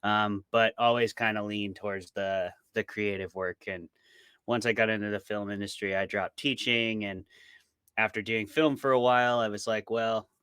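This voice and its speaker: A horror writer from a small Montana town answers interview questions casually, with self-deprecating humor and an American accent. His lowish voice is steady, smooth and a bit bright, at normal speed, with no echo.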